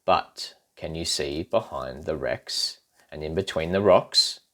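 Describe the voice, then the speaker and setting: A man reading a children's rhyming picture book aloud in an expressive, playful way, with asides to young listeners. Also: a bass voice, slow pace. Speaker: storybook reader.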